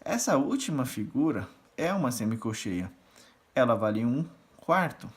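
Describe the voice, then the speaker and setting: A man's voice: mid-range voice, sing-song, moderate pace. A man teaching rhythm reading and solfège, patiently explaining and counting syllables aloud as he conducts the beat. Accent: Brazilian Portuguese. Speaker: music teacher.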